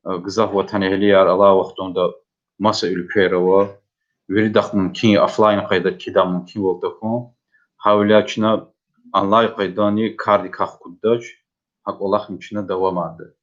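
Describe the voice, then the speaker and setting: Man, native Lezgian speaker, fairly deep pitch, online dictation host, addressing participants, dull recording. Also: level tone, normal speed.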